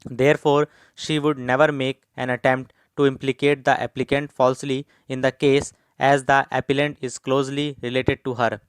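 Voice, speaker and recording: A man with an Indian accent dictating formal legal text in deliberate, evenly timed phrases, as a shorthand instructor does. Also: mid-range voice, flat delivery, smooth, no echo.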